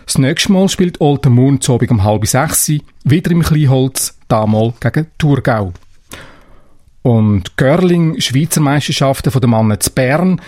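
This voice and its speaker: Radio newsreader, dry studio sound. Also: male voice, mid-range voice, lively intonation, a little slow, darkish tone, no room sound. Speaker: radio news presenter. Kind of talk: scripted regional radio news reading.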